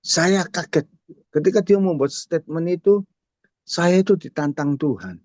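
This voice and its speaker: An Indonesian man in his 60s shares a testimony at a prayer fellowship, telling a story straight to the congregation. His voice sits a little high with a darkish tone, and he speaks at a moderate pace. The recording is dull and dry, with no room sound.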